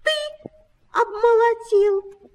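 A woman voicing two lazy, playful little mice who squeak in chorus. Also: extremely slow, in a large hall, full character voice. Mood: sheepish.

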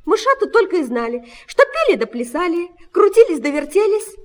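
A woman reading a children's fairy tale aloud in an expressive, sing-song storytelling manner. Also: very high voice, a little fast, long reverb tail.

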